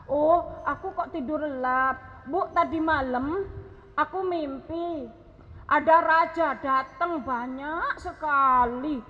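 A woman preacher giving an impassioned sermon testimony, her voice rising to pleading cries. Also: high-pitched. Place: large hall. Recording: lo-fi with long hall reverb.

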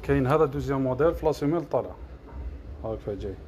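Fast-talking Algerian shoe seller. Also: male voice, medium pitch, background noise. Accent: Algerian Arabic. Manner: rattles off prices and colors in a list. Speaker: shop seller. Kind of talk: product showcase livestream. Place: shoe shop.

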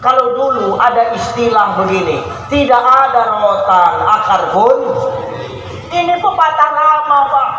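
Brief: high-pitched male preacher, comic sermon, long hall reverb, faint noise. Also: a little slow. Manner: lively, jokey, addresses the audience as "Pak". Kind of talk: humorous sermon.

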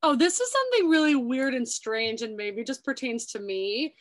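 A woman's voice: high voice, lively intonation, moderate pace. A young woman hosting a casual chat, talking loosely with lots of filler words. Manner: chatty, many "like" fillers. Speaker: YouTube host. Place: New York City.

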